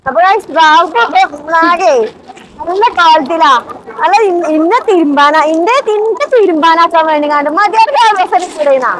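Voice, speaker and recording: Female vlogger, very high voice, casual mix, faint rainy noise outdoors. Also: moderate pace. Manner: mixes English words into Malayalam. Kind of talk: casual outdoor travel vlog chat. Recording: background noise of rain outdoors.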